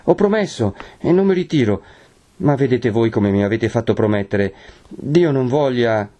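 A man's voice: medium pitch, moderate pace, warm tone, close to an everyday voice. A man voicing a young woman who pleads through sobs in a storybook reading. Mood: timid reproach. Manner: sobbing, beseeching.

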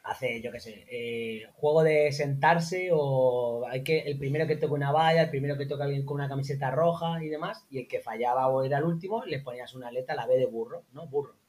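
Man, casual storytelling, animated, acts out quotes. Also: brisk, few pauses. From Spain. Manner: animated anecdotes, acts out quotes in high voices. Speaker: interview guest, former teacher in Morocco.

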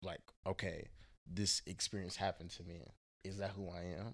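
A man's voice: low voice, level tone, normal speed. A man from Houston, a podcast guest talking in a loose, slangy, profane way, often trailing off and searching for words. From Houston, Texas. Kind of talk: casual podcast conversation.

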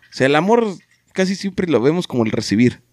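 A man's voice: a little high, sing-song, brisk, a little mellow, no room sound, studio quality. A man with a Mexican accent in casual podcast chat, talking reflectively with plenty of slang and acting out quoted dialogue. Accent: Mexican Spanish.

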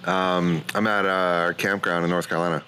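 A man's voice: low voice, flat delivery, fairly quick, sharp tone. A man giving casual, hesitant, thoughtful interview answers outdoors as a guest. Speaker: podcast guest, company CEO. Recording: faint outdoor ambient noise.

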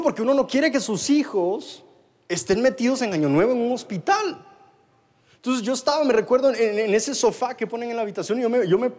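A Guatemalan man preaches a sermon in a high, light voice. He tells it as a personal story, stumbling over repeated words and restarts as he talks to his congregation. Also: darkish tone. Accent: Guatemalan Spanish. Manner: storytelling, with many repetitions and restarts.

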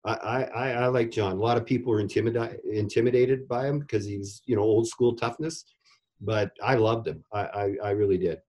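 A man's voice: on the low side, fairly even intonation, brisk, darkish tone. A middle-aged man, a former goalie coach, telling stories in a casual interview and repeating words as he restarts sentences. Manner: rambling, repeats words when starting sentences.

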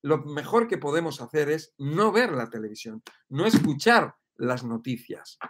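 A man speaks in a fairly high voice. He delivers a motivational monologue with emphatic repetition and keeps checking in with "¿ves?" and "¿vale?". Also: lively intonation, a little slow, noisy background. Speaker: speaker on personal growth.

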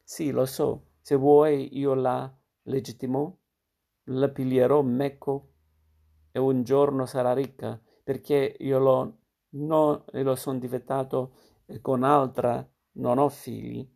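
Man reading anguished captive man, bitter, hateful, gravelly, flat. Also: mid-range voice, takes it slowly. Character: betrayed, hateful man pleading.

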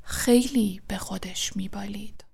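A spiteful, thin male schoolmaster played by a woman reader hisses his taunts in a low, unvoiced whisper. The menace is kept soft and close, never raised, in a storybook audiobook reading. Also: gravelly, slightly rough, full character voice. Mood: taunting.

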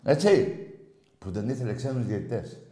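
A man hosting a call-in sports show, ranting with passion and swinging from shouting to low muttering. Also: animated, roomy sound. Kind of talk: heated sports phone-in rant.

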